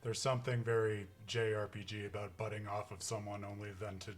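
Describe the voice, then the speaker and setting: A man's voice: on the low side, flat delivery, a little fast. A man hosting a live stream, chatting casually in a rambling, joking way. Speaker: stream host.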